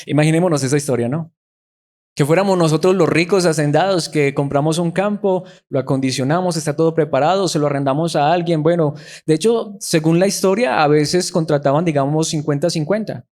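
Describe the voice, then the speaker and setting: Preacher guy, slightly high voice, keeps asking the church questions. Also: brisk, darkish tone. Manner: asks the congregation rhetorical questions. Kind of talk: sermon.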